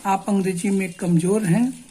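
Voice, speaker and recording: A woman teaching a basic English lesson in Hindi, explaining slowly and repeating words syllable by syllable. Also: mid-range voice, fairly even intonation, warm tone, husky. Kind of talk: spoken Hindi language lesson.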